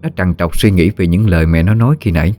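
A man narrating a horror story in a steady, measured way. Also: low-pitched, faint music behind.

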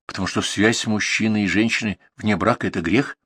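A man voicing a calm, devout young adult daughter who speaks in a quiet, composed, matter-of-fact way. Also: lowish voice, brisk, husky, no room sound, clean studio sound.

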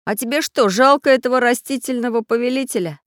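A woman's voice: fairly high pitch, fast talker, no room sound, studio quality, pitched above the performer's own voice, lightly acted. Woman doing a bossy little iron man. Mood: commanding. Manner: commanding.

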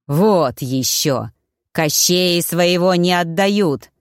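A woman's voice: fairly low pitch, extremely slow, dry recording, studio quality. A woman voicing a cocky, self-assured immortal young man in an audiobook, giving firm orders. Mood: defiant. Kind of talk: audiobook character voice.

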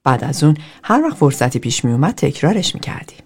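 A woman voicing an adult man in a therapy group, telling his story in a measured, confessional way. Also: low voice, sing-song, a little mellow, slightly rough, exaggerated voice. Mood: earnest.

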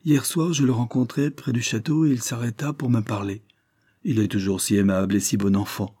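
A man's voice: mid-range voice, fairly even intonation, a little fast, dark tone, slightly rough, natural voice. A man reading aloud voices a flustered, deferential butler in a Victorian audiobook, talking in an apologetic, eager manner.

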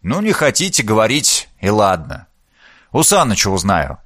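A man's voice: fairly low pitch, wildly swooping pitch, moderate pace, fairly bright tone, dry recording, full character voice. Audiobook: male reader plays a mocking elder brother, close to his own voice, dry booth. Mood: offhand. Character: mocking, teasing young man, elder brother.

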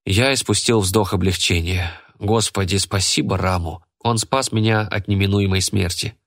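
A man narrates a first-person story in a steady, measured reading voice. His pitch sits on the low side. The delivery stays even throughout. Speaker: audiobook narrator.

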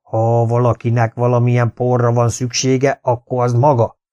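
A man doing a gruff, bossy old farmer. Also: mid-range voice, monotone, warm tone, close to an everyday voice. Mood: scolding. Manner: growling, scolding, bossy. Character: gruff domineering older male farmer, towering. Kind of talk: audiobook character voice.

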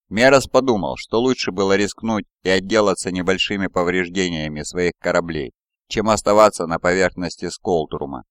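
A man reading an audiobook in a measured, dramatic narration style, on a close mic. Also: low-pitched, a bit bright, clear, resonant tone, no echo.

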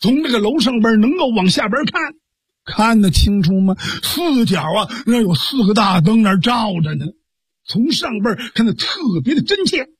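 A man narrating a traditional Chinese storytelling piece in a lively, dramatic manner with vocal sound effects. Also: high-pitched, moderate pace, breathy edge, dry recording.

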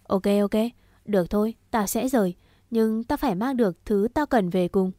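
Một người phụ nữ đọc giọng một gã trai trẻ thủ đoạn, nói giọng khiêu khích, chế giễu và hay chửi thề. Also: female voice, medium pitch, moderate pace, warm tone, dry recording, clean studio sound, close to an everyday voice. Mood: taunting. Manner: mocking, swearing, provocative. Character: crude scheming young man, taunting and foul-mouthed.

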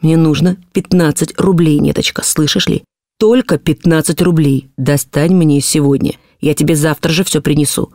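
A woman's voice: sits low, steady tone, moderate pace, darkish tone, no echo, studio quality. A woman reading an audiobook voices a desperate father who pleads, threatens and coaxes with a trembling voice. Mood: coaxing. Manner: trembling, feverish, then stern. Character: desperate, pleading then harsh poor father.

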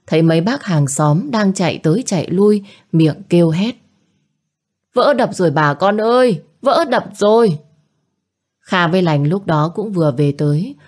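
A woman reading a story aloud in scripted narration, raising her voice for characters' shouts. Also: low-pitched.

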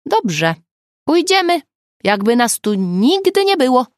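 A woman reading the lines of a brisk, teasing amateur sleuth in an audiobook. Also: high-pitched, big pitch swings, dry recording, studio quality, voice pushed up, heavily acted. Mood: earnest. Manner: brisk, matter-of-fact, teasing. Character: grown woman, sharp-witted amateur sleuth.

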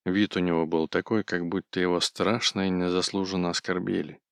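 A man narrating a classic story in a steady, measured reading. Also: low-pitched, vocal fry, dry recording, clean studio sound.

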